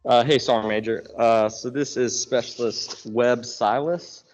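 A man's voice: medium pitch, steady tone, unhurried, lo-fi sound, faint music behind. A man of twenty-one, a young soldier, giving a polite, plain self-introduction. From born in Alabama, raised in Louisiana. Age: 20s.

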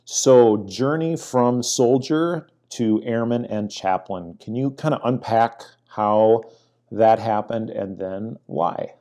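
A man's voice: fairly low pitch, takes it slowly, dark tone. A middle-aged man hosting a conversational podcast interview. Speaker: podcast host. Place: inside a church.

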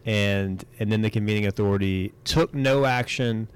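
A man with a slightly low voice co-hosts a legal podcast. His talk is casual and easygoing, in the style of a chat between colleagues. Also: normal speed, clean tone, no room sound. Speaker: podcast co-host, military lawyer.

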